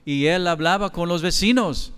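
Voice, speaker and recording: A man's voice: sits high, normal speed, fairly bright tone, clean tone. A middle-aged man with a Mexican accent, preaching a sermon as pastor in a conversational way, mixing in quoted dialogue. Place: large church hall. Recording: church hall with long reverb.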